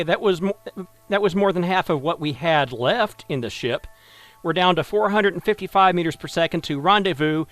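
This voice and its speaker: Guy streaming a space game, wry and self-mocking, kinda high voice, faint music behind. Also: a bit bright, no room sound. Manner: wry, self-deprecating, thinking aloud. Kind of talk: live gameplay commentary.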